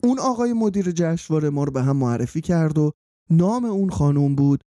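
A man in his forties from Iran, telling a personal story in a wry, self-mocking, unhurried way. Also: a little high, animated, dark tone, no room sound, clean studio sound. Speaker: storyteller and documentary reporter. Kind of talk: scripted personal storytelling over music. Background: faint background music.

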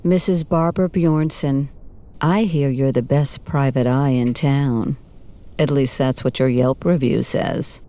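An actress playing a coy, sultry married client in a parody noir audio drama, speaking softly. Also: female voice, very deep voice, fairly even intonation, unhurried. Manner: soft-voiced, coy.

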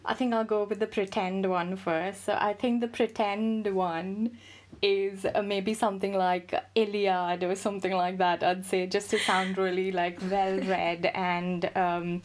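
Woman, podcast guest, cheerful, laughs easily, hesitant fillers, mid pitch. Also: little pitch movement, measured pace. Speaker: interview guest. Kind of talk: casual interview answers.

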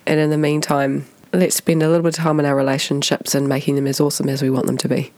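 A woman, hoarse from being sick, hosts a podcast casually in a croaky voice with creaky starts. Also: deep voice, level tone, fast talker, darkish tone, no echo. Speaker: podcast host.

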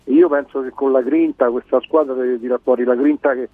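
A man calling in to a sports radio show, speaking casually and haltingly as he searches for words. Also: medium pitch, fairly even intonation, no room sound. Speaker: phone-in caller. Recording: dry narrow phone line, music behind.

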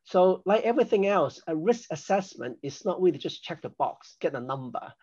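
A man's voice: high-pitched, expressive, normal speed, a little mellow, husky, lo-fi sound. An older man from Hong Kong, a podcast guest, explaining risk assessment in a chatty, self-deprecating way. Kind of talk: conversational interview.

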